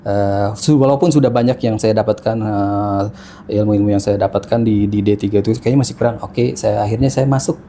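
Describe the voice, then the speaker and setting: Man telling his story, mellow. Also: lowish voice, brisk, hardly any pauses. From Jakarta, Indonesia. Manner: storytelling with many fillers and restarts. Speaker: podcast guest. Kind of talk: casual interview chat. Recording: faint background noise.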